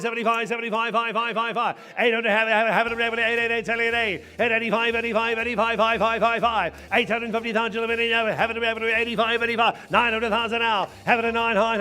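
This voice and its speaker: High-pitched male auctioneer in full chant. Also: sharp tone. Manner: auctioneer's chant, repeating numbers and filler phrases. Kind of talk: live auction calling, rapid repetitive bid chant.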